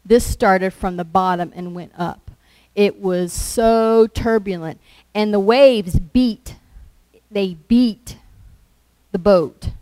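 A woman preaching a sermon, telling the story in a slow, conversational way and acting out quoted lines. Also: mid-range voice, warm tone, dry recording, rough recording.

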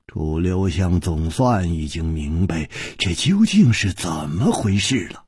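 A man reading a martial-arts novel aloud, theatrical, swinging between loud and hushed, on a close studio mic. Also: low-pitched, lively intonation, slow pace, husky, no echo. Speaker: storyteller.

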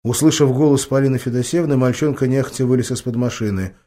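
A man narrating an audiobook in measured, expressive storytelling. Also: medium pitch. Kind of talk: scripted narration.

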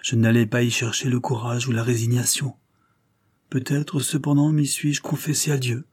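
A man reading the lines of a sorrowful, resigned young noblewoman in a quiet, restrained voice. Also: mid-range voice, flat delivery, normal speed, slightly rough, dry recording, clean studio sound, natural voice. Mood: solemn.

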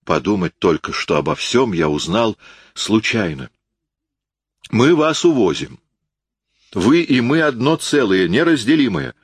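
A man's voice: low voice, animated, a little slow, dry recording. A man reading an audiobook, voicing an impassioned, insistent young man who speaks in emphatic exclamations.

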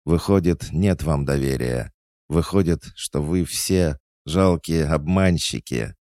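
A man's voice: a bass voice, measured pace, dry recording, clean studio sound. A man doing a tearful, indignant young noblewoman.

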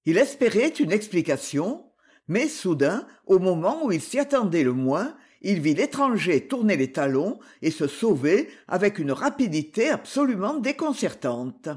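An expressive audiobook narrator reading a classic adventure novel. The voice is breathy, with lively rises and falls in pitch, carrying the action forward. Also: moderate pace. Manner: expressive storytelling.

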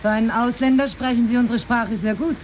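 An actress playing a wry wife in a radio drama, who speaks in a dry, ironic way. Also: female voice, a little high, fairly even intonation, brisk, a little mellow, a little hiss or hum, natural voice.

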